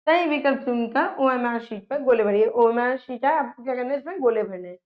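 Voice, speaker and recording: High-voiced woman teacher explaining a story. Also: a little fast. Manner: reads aloud, then restates in simple words. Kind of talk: reading and explaining a textbook story. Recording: dull lo-fi sound.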